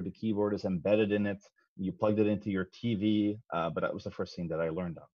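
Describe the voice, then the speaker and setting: A man's voice: low-pitched, no room sound. A man in his thirties from the Netherlands, giving a casual, self-deprecating science talk from a home office over a headset. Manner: relaxed, self-deprecating, many ums. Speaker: guest speaker, physicist. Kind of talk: casual presentation over video call. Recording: dry, slightly dull video call audio.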